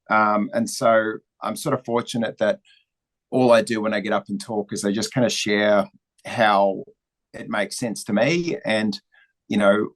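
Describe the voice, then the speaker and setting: Guest: New Zealand-accented man, low-pitched, easygoing and reflective. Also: low-quality recording. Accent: New Zealand, slightly Australian or American. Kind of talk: interview conversation.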